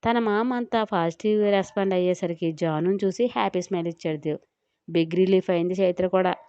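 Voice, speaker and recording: A woman narrating a romance story in a steady storytelling manner, on a slightly dull recording. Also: lowish voice, a little fast, clean tone, dry recording.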